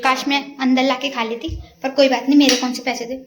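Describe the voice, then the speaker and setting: A woman's voice: high-pitched, level tone, brisk. A young woman vlogging casually outdoors in her neighbourhood, chatting and teasing the kids around her as she films on a phone. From India. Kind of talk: casual family vlog chat.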